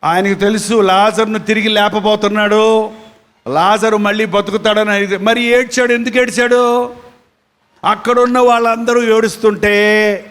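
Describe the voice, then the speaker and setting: A man's voice: high voice, a bit bright, long reverb tail. A man preaching a sermon as a pastor, speaking with a Telugu accent, repeating phrases and putting questions to his listeners. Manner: repetitive, questioning the congregation.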